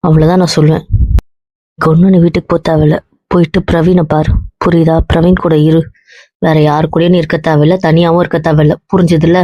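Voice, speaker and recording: A woman's voice: low-pitched, level tone, brisk, no echo. A young woman acting as a blunt married woman who lectures and comforts her heartbroken cousin, always asking if he understands. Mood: firm consoling. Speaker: actor in a web drama. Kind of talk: web series drama acting. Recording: dull, muffled dry audio.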